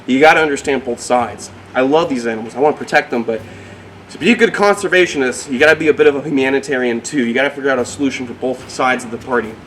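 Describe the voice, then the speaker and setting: A man's voice: medium pitch, quick pace, a bit bright, poor audio. A man hosting a wildlife vlog, talking casually and animatedly to the viewers and to the animal he is handling outdoors. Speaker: wildlife video host. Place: outdoors in a backyard. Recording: background noise, outdoor ambience.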